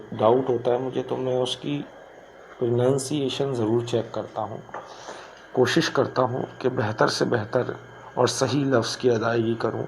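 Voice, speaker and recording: A man, explaining an English poem line by line as a teacher. He reads each line slowly, then explains it at a quicker pace. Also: medium pitch, a little mellow, a little hiss or hum, rough recording. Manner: switches between slow recitation and quick explanation.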